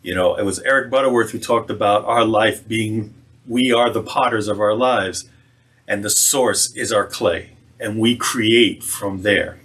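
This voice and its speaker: A man, a reverend, giving a conversational sermon and slowing down on key phrases. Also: on the low side, a bit bright. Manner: conversational, slows for emphasis.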